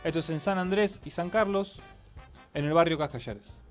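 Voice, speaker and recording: A man from Argentina, co-hosting a casual local radio show, relaxed and wry while reading announcements. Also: fairly high pitch, moderate pace, soft background music. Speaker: radio host.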